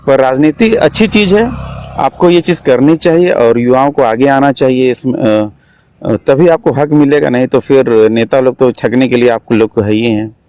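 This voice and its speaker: Answering interview questions earnestly and with exhortation, a young election candidate and political activist from Jharkhand, India, speaks with the region's Hindi accent. His mid-range voice is a little mellow and moves at a moderate pace.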